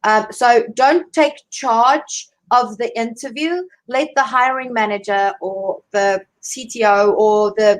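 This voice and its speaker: A woman's voice: on the high side, rough recording. A woman with a South African accent, a career coach giving advice on a live video call, chatty and full of fillers and restarts. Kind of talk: live online interview.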